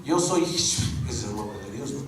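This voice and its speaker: A man teaching a Bible course, lecturing a class with lively rhetorical questions. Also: on the low side, moderate pace. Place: school classroom. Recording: very echoey room, mic far off, faint noise.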